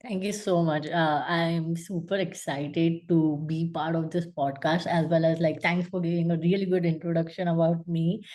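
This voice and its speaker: A young woman from India, speaking English with a Gujarati accent, is a UX designer appearing as a guest in a casual interview. Her voice is on the low side with a dark tone, and she speaks earnestly with many fillers.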